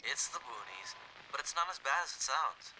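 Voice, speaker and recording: A man's voice: medium pitch, lively intonation, moderate pace, sharp tone. A man chatting easily over CB radio, using radio lingo, on a slightly noisy transmission. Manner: easygoing, uses CB radio lingo. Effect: heard over CB radio. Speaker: CB radio pen pal.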